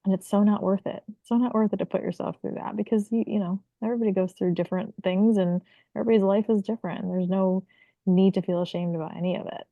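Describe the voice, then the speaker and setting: A woman's voice: mid-range voice, fairly even intonation, quick pace, no echo. A woman guest on a podcast, talking candidly and reflectively about hard choices. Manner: candid, reflective, gently self-encouraging. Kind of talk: casual podcast chat. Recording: tinny phone-line audio.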